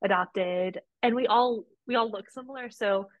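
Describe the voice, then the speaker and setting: A woman's voice: on the high side, moderate pace, no room sound, lo-fi sound. A woman from Romania, a podcast guest and policy advocate, telling her story earnestly with frequent restarts. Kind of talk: conversational interview.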